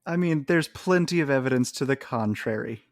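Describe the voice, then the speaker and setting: A man's voice: mid-range voice, animated, normal speed, dry recording, studio quality. A man co-hosting a podcast in casual chat, picking apart points and laughing between them. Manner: chatty, laughs between points while arguing. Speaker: podcast co-host.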